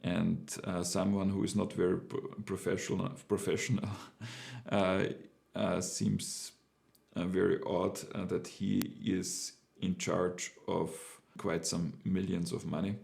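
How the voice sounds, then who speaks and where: With a low, gravelly, slightly mellow voice and a level tone, a middle-aged German-accented man slowly describes a business experience of his own. He keeps it casual but hesitant, with frequent fillers and restarts.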